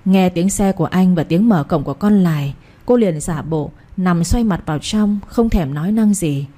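A woman reads a romance novel aloud in steady, dramatic scripted narration. Her voice is mellow and a little husky. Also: lowish voice, moderate pace. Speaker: audiobook narrator.

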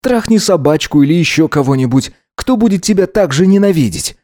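A prickly, cash-strapped young student answers in sharp, indignant bursts, his voice set higher than a natural speaking voice and swinging up and down as a man voices him in an audiobook drama. The sound is dry and close, with no room echo. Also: lively intonation, lightly acted. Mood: irritated, snapping. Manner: snappish, indignant, quick to insult.

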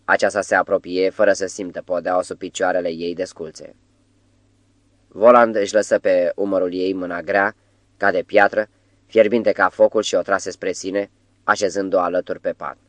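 Brief: male audiobook narrator, deep and low, measured literary reading, dry studio sound. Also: fairly even intonation, no room sound.

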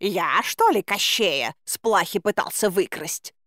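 A woman's voice: mid-range voice, expressive, unhurried, fairly bright tone, dry recording, clean studio sound. A woman voicing a proud, indignant male talking cat in an audiobook, huffy and quarrelsome. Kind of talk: audiobook character voice.

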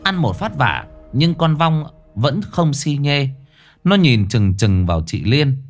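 A man's voice: mid-range voice, very animated, slow, faint music behind. A man narrating a ghost story in a colloquial, crude and dramatic manner.

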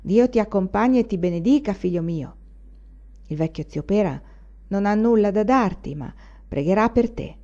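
A woman reading the lines of an old, deaf male peasant in a slow, solemn way for an audiobook. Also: medium pitch, animated, warm tone, close to an everyday voice. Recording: dull lo-fi recording.

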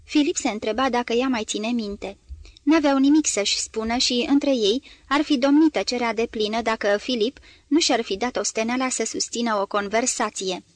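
A woman reading a literary novel aloud as an audiobook, measured and grave, giving the dialogue a voice. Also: a little high, no room sound. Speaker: audiobook reader.

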